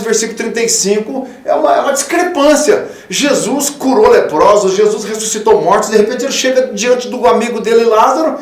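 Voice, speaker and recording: High-pitched preaching man, roomy sound. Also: distant mic. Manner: fatherly, calls listeners 'filho'; swings from loud emphatic peaks to soft low tones. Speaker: pastor. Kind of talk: radio sermon. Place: radio studio.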